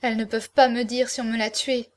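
A woman's voice: on the high side, level tone, fast talker, close to an everyday voice. A woman reading aloud, voicing an anguished, proud young woman with an intense manner in an audiobook. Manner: intense, pleading then haughty.

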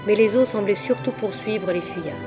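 Woman reading a literary audiobook. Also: medium pitch. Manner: measured, expressive storytelling. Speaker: narrator. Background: faint background music.

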